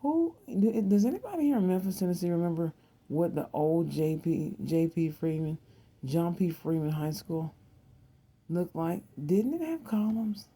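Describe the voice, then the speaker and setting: An American tarot and psychic reading video host in their thirties rambles casually to viewers, repeating words and phrases and wandering off on side trips. The voice is medium-pitched, expressive and very dark and mellow with plenty of gravelly fry, at normal speed.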